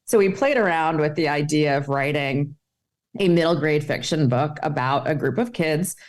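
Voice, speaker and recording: Low-voiced middle-aged woman guest, measured. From Egypt. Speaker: guest, public health specialist and author. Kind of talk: podcast interview.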